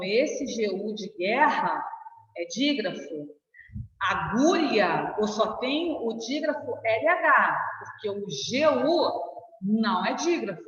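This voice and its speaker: A woman's voice: on the high side, a bit bright. Brazilian woman teacher, echoey and far. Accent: Brazilian Portuguese. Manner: patient, stretches out example words and checks in with "tá?". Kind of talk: online classroom lesson. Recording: echoey room, voice from far off, dull lo-fi sound.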